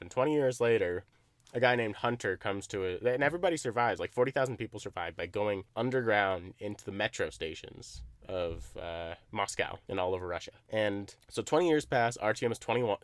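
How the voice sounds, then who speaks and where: A young man co-hosting a casual podcast, his voice sitting on the low side. He swears freely and gets animated, laughing often as he talks. The recording is dry and close, with almost no room sound. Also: dry recording. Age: young adult. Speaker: podcast co-host. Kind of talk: casual chat.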